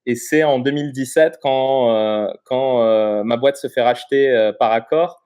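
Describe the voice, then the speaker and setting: Man from Morocco, thirties, interview guest, casual chat, halting explanations, mid-pitched voice. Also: darkish tone, clear, resonant tone. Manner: explanatory, halting with frequent pauses.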